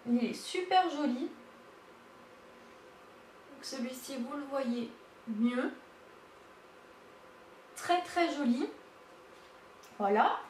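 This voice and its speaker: A woman giving a casual makeup swatch demo, halting with many fillers and gushing over the colors. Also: high voice. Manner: hesitant, lots of fillers, gushing. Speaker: beauty vlogger. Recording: echoey room, mic at a distance, faint hiss.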